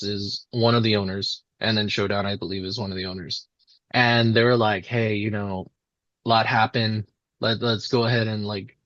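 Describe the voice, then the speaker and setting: An independent pro wrestler with a fairly low, slightly bright voice chats casually and enthusiastically in an interview, telling rambling stories and acting out little imagined quotes. The recording is dry and lo-fi, with no room sound.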